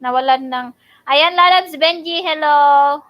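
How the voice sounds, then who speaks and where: A woman with a Filipino accent hosting a livestream, casually greeting viewers in an excited, exclamatory way. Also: high voice, normal speed, muffled recording, music in the background. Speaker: livestream host. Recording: clearly noisy livestream audio.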